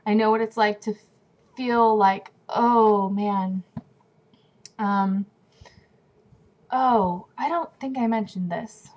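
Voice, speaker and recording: A young woman talks casually to her webcam from home, rambling along with plenty of fillers and restarts. She's a bit stuffy from a runny nose, and her voice sits at an ordinary middle pitch. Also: takes it slowly, pauses often, a little mellow, poor audio. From California. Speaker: vlogger. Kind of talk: casual talking-to-camera vlog. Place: at home indoors.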